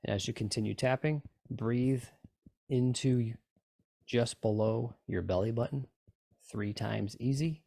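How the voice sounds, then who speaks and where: A man's voice: medium pitch, unhurried, gravelly, dark tone, no echo, studio quality. A man leading a group in guided relaxation, giving coaxing, repetitive instructions and often checking in with short questions. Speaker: group session leader guiding tapping and relaxation.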